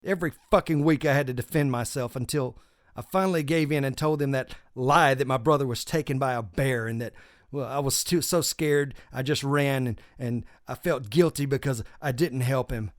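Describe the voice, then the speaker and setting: A man's voice: medium pitch, normal speed, no echo, clean studio sound. Man narrating a tense horror tale. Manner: intense and confessional, swears often. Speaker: storyteller.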